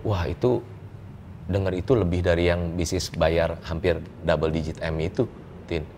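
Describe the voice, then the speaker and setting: A man, a business coach telling personal stories in a casual interview, lively and joking, chuckling often and mixing in English words. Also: low voice, moderate pace, a little hiss or hum. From Indonesia.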